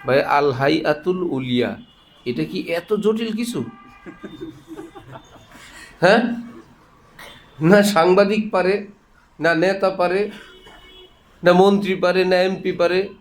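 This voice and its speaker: An Islamic preacher with a high-pitched, steady voice delivers a sermon full of humorous anecdotes. He speaks slowly with long pauses, keeping things conversational and joking, and laughs as he teaches.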